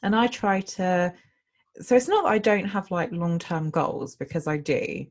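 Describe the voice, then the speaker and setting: A woman's voice: fairly low pitch, expressive, unhurried. A woman in her late twenties chatting casually, enthusiastic and rambling, with frequent giggles. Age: late 20s. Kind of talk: casual chat.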